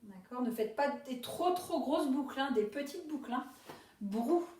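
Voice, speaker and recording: A woman, a primary school teacher giving a dictation lesson to young pupils, saying each syllable slowly and carefully. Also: high-pitched, animated, a little mellow, very echoey, distant mic, a little hiss or hum.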